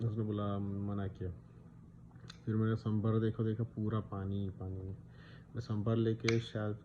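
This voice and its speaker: A man in his thirties from India, telling a personal story in a casual vlog, chatty and dropping English words into his talk. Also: on the low side. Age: 30s. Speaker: vlogger. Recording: slightly dull sound with faint background noise.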